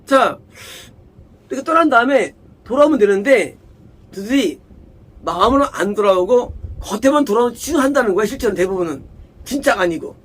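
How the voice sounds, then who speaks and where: A man's voice: high voice, lively intonation, brisk, a bit bright. A male pastor giving an expository Bible sermon in a plain conversational way, often stopping to ask his listeners rhetorical questions and repeating words for stress. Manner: keeps asking rhetorical questions like "what is it?".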